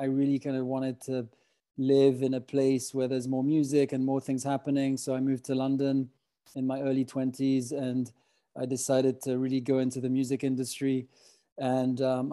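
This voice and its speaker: A middle-aged man from French-speaking Switzerland, a company founder appearing as an interview guest, tells his own story in a hesitant, reflective, conversational way. His voice is mid-range and mellow.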